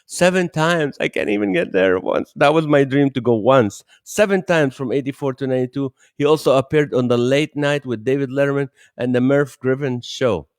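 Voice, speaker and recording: A man's voice: medium pitch, normal speed, hardly any pauses, no echo, studio quality. A man hosting a podcast, introducing his guest and chatting casually, eager and repeating points for emphasis. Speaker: podcast host. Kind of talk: casual interview chat.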